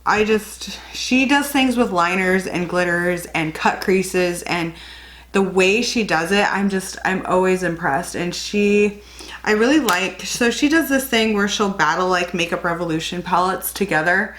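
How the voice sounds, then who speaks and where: Her voice is lowish and fairly bright, unfolding at a measured pace. She's a young beauty vlogger with a slight cold, rambling chattily through a casual makeup tutorial and catching her own slips along the way.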